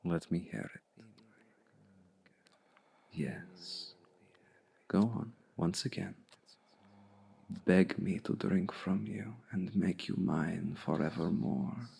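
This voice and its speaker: In an intimate ASMR roleplay, a man plays a seductive, domineering vampire hypnotist, his exaggerated voice low, breathy and gravelly, often slipping into a whisper. He sounds commanding and hungry, speaking in a hushed, deliberate, coaxing way with long pauses.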